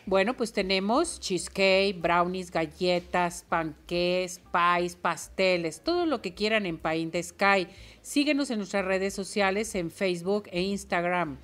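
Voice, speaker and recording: A woman's voice: on the low side, a little slow, a bit bright. A woman hosting a show, delivering live promotional reads and introducing segments. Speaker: show host.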